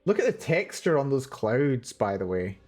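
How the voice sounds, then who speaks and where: With soft music playing behind him, a man streams a game from his indoor seat, musing aloud on side topics in live gameplay commentary. He sounds very animated, with a darkish tone at medium pitch and a moderate pace.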